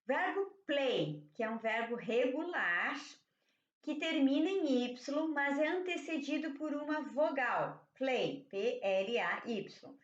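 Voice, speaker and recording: Lady teacher going slow and patient, really lively up-and-down voice, echoey kinda dull audio. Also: high-pitched. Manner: slow, patient explaining, checks in with "ok?". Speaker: English teacher. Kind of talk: recorded review lesson.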